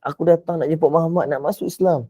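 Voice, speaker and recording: A longing, grieving man who has travelled far asks bewildered, pleading questions, as a preacher acts him out. His voice is dark and mellow and slightly raised, and he speaks fast. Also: on the high side, fairly even intonation, no room sound, clean studio sound, close to an everyday voice. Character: grieving male traveller from afar, longing and tearful.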